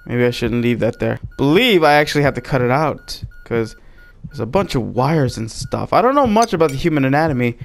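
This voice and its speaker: A man giving comedic gameplay commentary, excitable, bantering as a mock doctor and yelping and shouting at mishaps. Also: medium pitch, fairly quick, creaky, soft background music. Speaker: gaming video creator.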